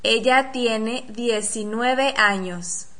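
Woman teacher, bright and slightly high voice, very slow careful drill delivery. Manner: careful, deliberate, model-sentence delivery. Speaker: language teacher. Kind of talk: slow, clearly articulated pronunciation drill.

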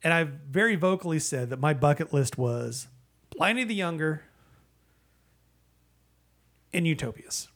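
A man who co-hosts a podcast, giving a casual, rambling and halting review in a conversational style. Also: fairly high pitch, animated, fairly bright tone. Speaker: podcast co-host, beer reviewer. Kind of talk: casual beer review chat.

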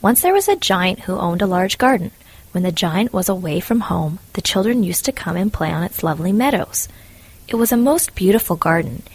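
A woman calmly narrating a fairy tale in a measured storytelling manner. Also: mid-range voice, breathy edge, no room sound. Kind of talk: storybook reading.

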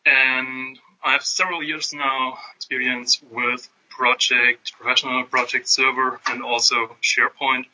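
A man from Germany with a German accent, a guest consultant explaining things in a measured podcast interview. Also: mid-range voice, little pitch movement, bright, forceful tone, muffled recording, slight background noise.

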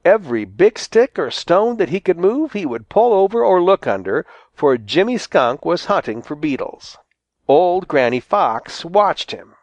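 Expressive male storybook reader, lively pitch, fairly high voice, dry close sound. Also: a little slow, no room sound, lo-fi sound. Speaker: volunteer audiobook reader. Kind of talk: storybook narration.

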